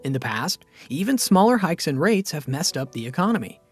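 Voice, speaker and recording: A husky-voiced man talks fairly quickly through a scripted finance explainer, staying steady and explanatory. His voice sits a little high and moves lively in pitch, while soft music runs quietly underneath.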